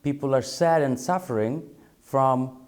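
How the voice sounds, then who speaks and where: The man, a photographer from Bangladesh, talks reflectively in an interview at a slightly slow pace, his medium-pitched voice somewhat dark. He keeps halting and repeating words as he looks for them.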